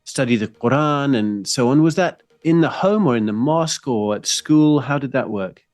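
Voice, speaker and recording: A man's voice: mid-range voice, lively intonation, normal speed, darkish tone, no room sound. Friendly male podcast host. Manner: friendly, encouraging questioner. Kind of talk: podcast interview.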